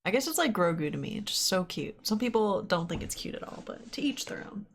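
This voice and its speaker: A young woman hosting a movie reaction, chatting casually with giggles and excited exclamations. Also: medium pitch, a little fast, vocal fry, a little hiss or hum. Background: film audio.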